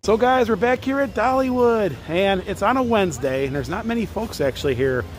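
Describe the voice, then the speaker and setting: A man's voice: high voice, animated, fairly quick, soft background music. A man talking through a face mask, chatting casually to his viewers on a theme park vlog. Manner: chatty, addresses viewers as guys. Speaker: vlogger.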